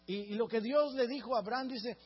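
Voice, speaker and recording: A pastor from Mexico preaches an earnest sermon in a high, slightly husky voice, talking a little fast. He keeps turning to the congregation for agreement, often asking "right?" The audio is dull and lo-fi, with long reverb from a big hall.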